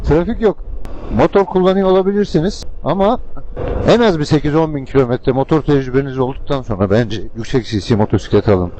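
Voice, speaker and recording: Guy motovlogging from inside his helmet, kinda dark muffled sound w some road noise, just rambling casually. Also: medium pitch, quick pace. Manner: rambling, colloquial. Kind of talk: casual riding commentary to viewers. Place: inside a helmet, riding a scooter in city traffic. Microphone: helmet-mounted microphone. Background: vehicle and traffic noise.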